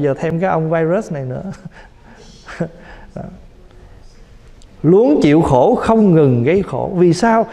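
Southern Vietnamese male monk, 40s; folksy, humorous sermon delivery, slightly high voice, long hall reverb. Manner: animated storytelling, folksy and humorous. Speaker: Buddhist monk teacher. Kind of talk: Dharma talk sermon.

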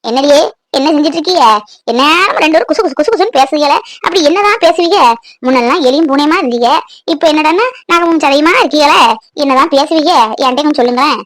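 A woman's voice: sits high, fast talker, no echo, studio quality, close to an everyday voice. A woman voicing a nosy village woman in a cartoon, teasing and prying. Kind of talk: cartoon voice acting.

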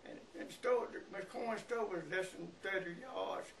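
Very old Southern man, creaky voice. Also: high voice, fairly bright tone. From Mississippi, United States. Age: very old, about 100. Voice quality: aged, creaky voice. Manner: halting, repeats words and pauses. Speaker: interviewee. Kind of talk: reminiscing in an interview. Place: living room by a window, indoors. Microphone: camera a few feet away. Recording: noisy, distant room camera recording.

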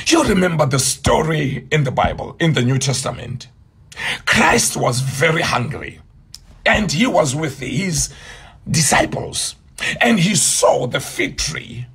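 A man preaching a late-night prayer sermon online, fervent and exhorting, rising into shouts as he urges viewers to pray aloud. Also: fairly high pitch, vocal fry, husky. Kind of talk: livestreamed midnight prayer sermon.

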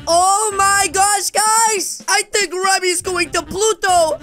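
A young man doing excited, theatrical role-play game commentary, full of exclamations. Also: very high-pitched, takes it slowly, soft background music. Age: young adult. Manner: over-the-top, exclamatory, theatrical. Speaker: gaming YouTuber. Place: small gaming room, indoors. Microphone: desk microphone with headset on.

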